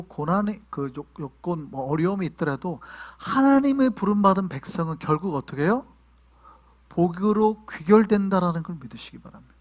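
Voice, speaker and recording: A male pastor preaching a sermon to his congregation, asking them questions and sometimes shouting. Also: fairly high pitch. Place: church in New York.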